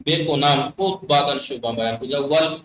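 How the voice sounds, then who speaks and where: A man's voice: medium pitch, a bit bright, slight background noise. A man teaching an online language class, calling on students by name and coaxing them to speak. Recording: lo-fi, roomy, distant mic.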